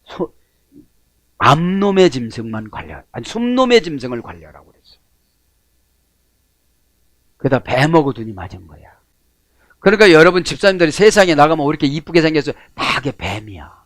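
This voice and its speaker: A middle-aged man preaches with a slightly high voice that swoops up and down as he acts out prayers and shouts. His folksy sermon was recorded close and dry. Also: very animated, fairly quick, long pauses, no echo. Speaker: pastor.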